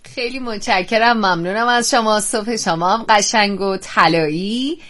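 A woman's voice: medium pitch, a bit bright. A woman hosting a morning radio show, giving upbeat encouragement and thanking callers. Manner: encouraging, motivational.

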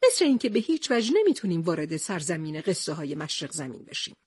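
A woman's voice: low-pitched, very animated, darkish tone, breathy edge, no echo, studio quality, pitched below the performer's own voice, exaggerated voice. A woman voicing a young male reporter hero in a storybook, earnest and plaintive.

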